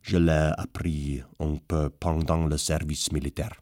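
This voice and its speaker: A man voicing a courteous, dignified Ottoman gentleman, speaking slowly and deliberately. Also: a bass voice, little pitch movement, dry recording, studio quality, pitched below the performer's own voice. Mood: nonchalant. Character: suave middle-aged Ottoman gentleman, courteous.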